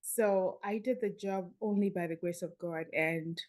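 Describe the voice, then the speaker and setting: A Nigerian woman in her fifties, a podcast guest telling her story in a lively way and acting out the dialogue. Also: lowish voice, measured pace.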